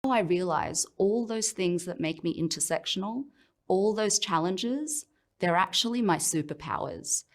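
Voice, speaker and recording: Lower-voiced Australian woman telling her story. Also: a little slow. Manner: reflective, personal storytelling with frequent "um"s. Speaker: professional speaker. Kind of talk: personal motivational talk.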